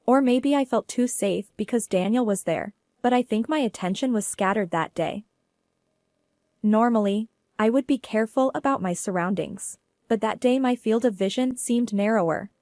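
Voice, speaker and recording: A woman telling a first-person story as narrator, in a steady, earnest way. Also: on the high side, no room sound, studio quality.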